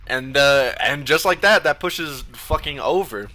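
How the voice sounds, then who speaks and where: A man giving casual, profane play-by-play of a video game match, full of ums and uhs, with sudden bursts of excitement. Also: medium pitch, unhurried. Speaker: esports caster.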